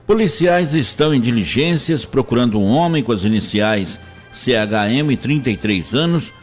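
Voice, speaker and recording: A man with a Minas Gerais accent reading a police news bulletin in a steady, formal way. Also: medium pitch, normal speed, soft background music.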